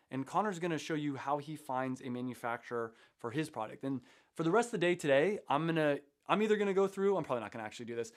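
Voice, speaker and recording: A man hosting a casual livestream, chatting loosely about manufacturing and plugging his course. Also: a little high. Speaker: host.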